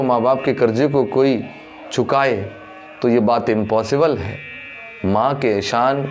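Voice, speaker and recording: A man tells a moral story as a Buddhist sermon, his voice at an ordinary middle pitch. He calls the listeners brothers in the dhamma and rises in pitch when he acts out the lines of the people in the tale. Soft instrumental music plays faintly behind him. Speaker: Buddhist preacher.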